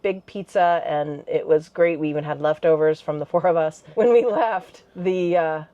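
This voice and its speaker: A woman co-hosting a travel vlog, recapping the trip in a relaxed, chatty way. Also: sits low, moderate pace, narrow, tinny audio. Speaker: vlog co-host. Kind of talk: casual sit-down recap chat.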